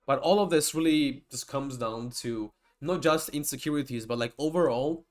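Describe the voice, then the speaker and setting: At a moderate pace and in a mid-range voice, a young man, native in Georgian, delivers a casual typology lecture that rambles through many digressions and restarts.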